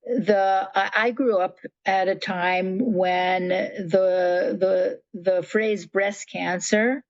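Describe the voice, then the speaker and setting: An older woman, a nonprofit founder, is a guest in a conversational interview, telling stories animatedly, acting out quotes and often restarting her sentences. Her mid-range voice moves extremely slowly. The recording is muffled, with no echo.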